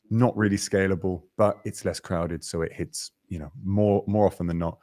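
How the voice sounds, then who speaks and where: Deep-voiced energetic webinar host. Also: male voice, no room sound, studio quality. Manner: energetic, chatty, greets viewers by name. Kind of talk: live webinar presenting. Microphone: video call.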